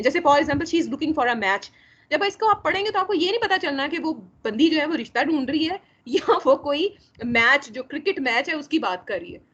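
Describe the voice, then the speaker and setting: A woman teaching a casual lecture, often filling pauses with a repeated tag phrase and mixing in English terms. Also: high voice. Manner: frequent filler "jo hai na", mixing English terms. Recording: muffled lo-fi voice recording.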